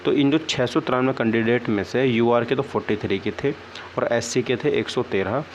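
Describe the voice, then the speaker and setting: An exam-prep vlogger, a young adult man with a mid-range voice, chats with viewers while explaining things. His mood is disappointed and downcast, and his conversational style features frequent "okay, right" check-ins. Faint background noise and a dull, lo-fi quality mark the recording.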